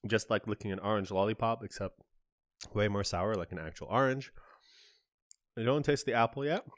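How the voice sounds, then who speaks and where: A man's voice: fairly low pitch, normal speed, no room sound. A man hosting a casual on-camera candy review, chatty and describing each flavor in detail with small asides. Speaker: candy reviewer, channel host.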